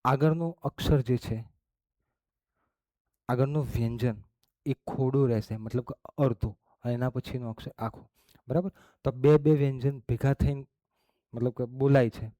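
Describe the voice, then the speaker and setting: A man's voice: mid-range voice, fairly even intonation, warm tone, dry recording. A man teaching a class, explaining step by step and checking in with "okay?" after each point. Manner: slow, explains step by step with frequent "okay?" and "barabar?". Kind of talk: classroom lesson.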